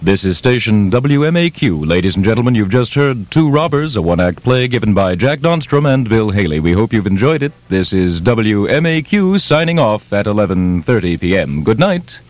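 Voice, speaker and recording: A man's voice: fairly low pitch, big pitch swings. Give me a male announcer on old AM radio. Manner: measured, formal announcing. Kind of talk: formal old-time radio sign-off.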